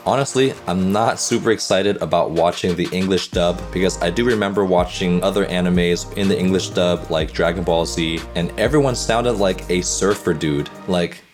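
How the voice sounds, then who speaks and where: Male coach hosting a reaction video, very low voice, chatty and analytical. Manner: upbeat, chatty, breaks down what he sees. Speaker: volleyball coach and reaction host. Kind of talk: casual reaction commentary.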